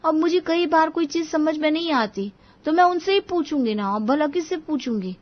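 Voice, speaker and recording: A woman playing a young new daughter-in-law, cartoon, timid, polite, high-pitched, slightly muffled recording. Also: animated, moderate pace. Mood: musing. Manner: polite, anxious to please.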